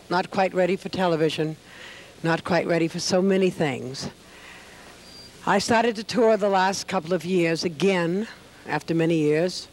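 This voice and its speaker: A woman's voice: fairly low pitch, darkish tone. An older woman comedian on a theater stage, delivering a wistful, theatrical monologue in rhyme to a live audience. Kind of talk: reflective stage monologue recited over piano. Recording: live stage show with piano accompaniment. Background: piano playing.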